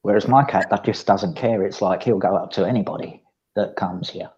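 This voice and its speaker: A man's voice: low voice, fairly quick, darkish tone, dull audio. A man chatting casually on a stream, rambling and restarting his sentences.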